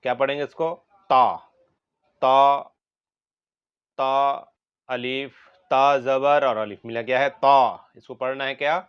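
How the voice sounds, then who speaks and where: Teacher, male: very slow, drawn-out letter sounds, repeated for students. Smooth voice, dull muffled recording. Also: medium pitch, level tone. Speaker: Quran reading teacher. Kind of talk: recorded lesson on letter pronunciation.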